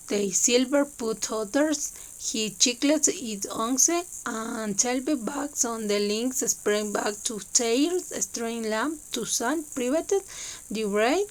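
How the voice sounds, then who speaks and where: Woman reading a book out loud, spanish is her first language, lots of ums and stops, slightly high voice. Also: low-quality recording. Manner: halting, hesitant reading with many fillers. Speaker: reader. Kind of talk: reading a novel aloud.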